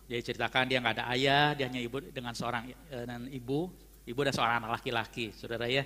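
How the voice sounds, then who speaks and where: Fast, fervent preacher man in a church hall. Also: medium pitch, fairly even intonation, bright, forceful tone. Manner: fervent, emphatic, addresses listeners as brethren. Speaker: pastor. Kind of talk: sermon with storytelling. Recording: long church-hall reverb.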